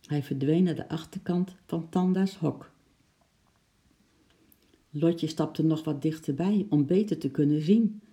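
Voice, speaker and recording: Gravelly, dark storybook narrator. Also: mid-range voice, a little slow, pauses often. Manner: steady, expressive reading. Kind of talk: children's storybook reading.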